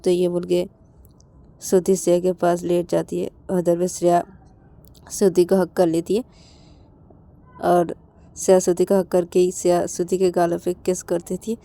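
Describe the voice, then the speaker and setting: A woman telling a romance story in plain, unhurried narration. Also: fairly low pitch, completely flat delivery, dark tone.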